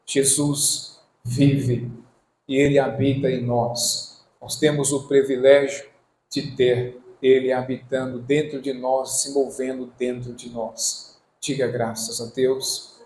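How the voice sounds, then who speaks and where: A man preaching a sermon as pastor, reading scripture slowly and emphatically and calling for responses. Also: medium pitch, level tone, a little mellow, a little hiss or hum. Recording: echoey room.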